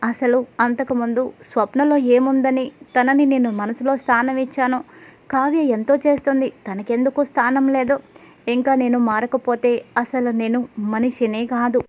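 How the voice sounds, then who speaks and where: A woman voicing a young husband thinking things over, in a steady, level reading. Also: a little high, moderate pace, highs cut off, close to an everyday voice. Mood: reflective. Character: young husband resolving to change.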